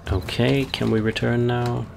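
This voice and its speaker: A man's voice: medium pitch, level tone, a little slow, vocal fry, noisy background. A man giving casual, wry game commentary, understated, as if muttering to himself. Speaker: let's-play commentator.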